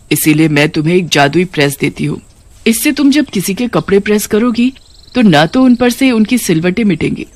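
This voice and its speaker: A woman voicing a kindly witch queen in a cartoon story, calm and commanding. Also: fairly low pitch.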